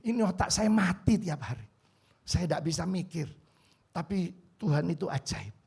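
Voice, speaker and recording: A man in his fifties preaching a sermon in a church hall, his voice pitched high with a husky, gravelly rasp. He pleads with the congregation, dropping to a hush and then surging loud. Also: lively intonation, normal speed. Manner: emotional, pleading, swings from quiet to loud. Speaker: pastor.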